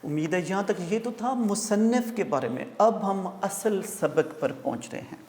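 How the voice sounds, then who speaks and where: A male teacher lecturing, who explains word meanings and pronunciation step by step and often pauses on fillers. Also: high voice, lively intonation, darkish tone, in a large hall, a little hiss or hum. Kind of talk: classroom lecture explaining an Urdu text.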